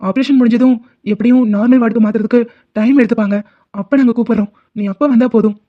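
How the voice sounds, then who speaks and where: A woman's voice: on the high side, fairly even intonation, fast talker, natural voice. A woman voicing a caring young husband in a cartoon drama, speaking firmly and reassuringly. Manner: firm, reassuring. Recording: dull lo-fi sound.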